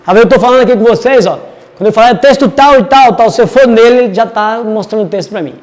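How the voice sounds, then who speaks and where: A man's voice: very high-pitched, fast talker, big-room sound. A man teaching a casual Bible study, chatty and digressive as he reads verses aloud.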